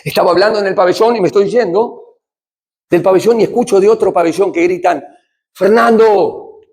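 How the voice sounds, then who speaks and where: A middle-aged man from Argentina with a Rioplatense Spanish accent gives a church talk on addiction. He speaks conversationally and quickly in a high-pitched voice, asks his listeners questions, and swings between loud and hushed.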